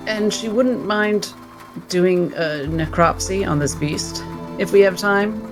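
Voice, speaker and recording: Speaking slowly in a fairly high voice, a male player in a tabletop roleplaying game switches between description and in-character lines. Music can be clearly heard in the background.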